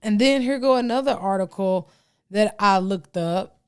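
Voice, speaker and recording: Smooth-voiced woman podcast host riffing. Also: medium pitch, normal speed, darkish tone. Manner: conversational, reads news excerpts aloud with asides. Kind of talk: casual opinion monologue.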